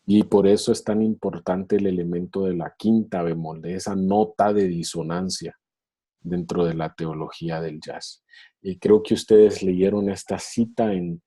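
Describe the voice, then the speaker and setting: A man with a low, dark voice gives a reflective lecture over a video call. He speaks slowly and unhurriedly. He retells a story and acts out its voices, and his tone is slightly husky. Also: fairly even intonation. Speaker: speaker in a theology webinar.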